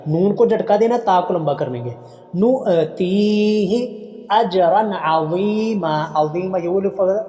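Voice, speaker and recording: Patient male Quran teacher, echoey room. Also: high voice. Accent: Pakistani Urdu. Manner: drawn-out, slowed recitation of each phrase, then calm correction. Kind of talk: slow tajweed lesson, reciting then explaining.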